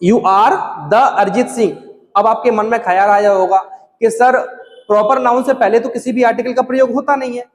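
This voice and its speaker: Guy teaching english grammar in a classroom, high voice, lots of reverb, slows right down for examples. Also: fairly even intonation. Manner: slows down to spell out example sentences. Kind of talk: explaining grammar to students. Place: classroom with a board.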